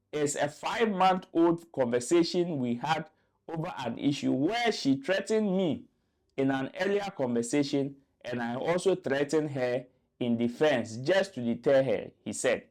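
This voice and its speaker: Guy hosting a news recap, fairly high voice, talks it through w/ lots of ums and restarts. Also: animated, unhurried, darkish tone. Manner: explanatory, with fillers and restarts. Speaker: news commentary host. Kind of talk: reading out news story and quotes.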